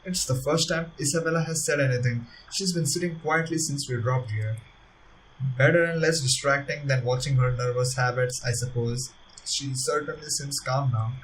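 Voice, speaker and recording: A man's voice: mid-range voice, moderate pace, fairly bright tone, distant mic, slight background noise, low-quality recording. A man reading a visual novel aloud as narrator, with earnest delivery and laughing asides. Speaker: let's-play narrator. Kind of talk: reading a story game aloud with commentary.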